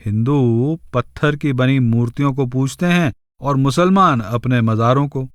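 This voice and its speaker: A man narrating a spiritual audiobook in a measured way, reciting verses slowly in a chanting cadence. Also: mid-range voice, no echo, clean studio sound.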